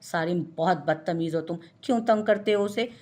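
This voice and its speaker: A calm young student who scolds mildly and keeps the peace, read by a woman. Her voice sits slightly low. It is heard in a narrated audio story. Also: normal speed, natural voice. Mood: gentle.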